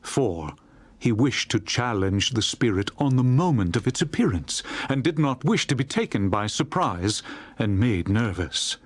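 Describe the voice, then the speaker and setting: A man narrating a classic story as a dramatized audiobook, in a theatrical, expressive storytelling manner. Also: mid-range voice, measured pace, no room sound. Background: music.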